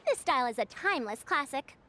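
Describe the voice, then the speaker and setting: A woman's voice: sits high, sing-song, fast talker, sharp tone, a little hiss or hum, exaggerated voice. A woman voicing a proud, old-fashioned woman scholar in a game, speaking in a confident, matronly way. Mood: self-assured. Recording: game audio with music behind.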